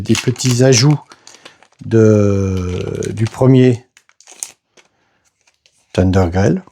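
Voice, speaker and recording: Slow, gravelly-voiced man unboxing a game. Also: lowish voice, warm tone. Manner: slow, hesitant, narrates each step with "voilà" and "hop". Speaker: board game unboxing host. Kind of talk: casual unboxing commentary.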